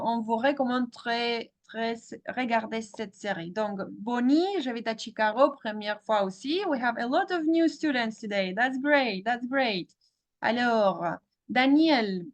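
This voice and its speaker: A woman with a French accent teaching an online class, switching between French and English and often repeating her words. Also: fairly high pitch. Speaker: French teacher hosting a webinar.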